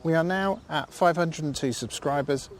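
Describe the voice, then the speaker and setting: A man's voice: on the high side, moderate pace, slight background noise. A man hosting a casual live stream from a field, chatty and thankful, rambling with fillers. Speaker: livestream host. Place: outdoors in a field.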